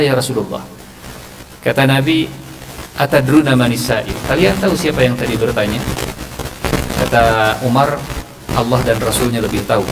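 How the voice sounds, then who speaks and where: A man's voice: medium pitch, noisy background. A man giving a humorous mosque sermon, acting out quoted dialogue in raised voices. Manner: acts out quoted dialogue in raised voices, mixes Sundanese phrases. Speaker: preacher giving a mosque study session. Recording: long hall reverb, faint ambience.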